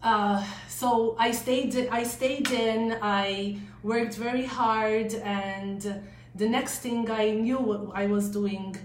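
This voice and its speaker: Slow-talking Maltese-accented woman in an echoey room. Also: on the high side, steady tone. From Malta. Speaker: real estate agent, interview guest. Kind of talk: casual interview answers. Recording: echoey room, faint noise.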